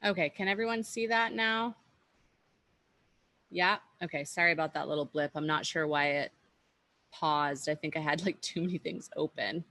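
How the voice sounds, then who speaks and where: Low-voiced woman teaching online. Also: normal speed, long pauses, no room sound. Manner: explanatory, relaxed, with frequent fillers and restarts. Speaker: workshop teacher. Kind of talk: online workshop lecture. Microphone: video call.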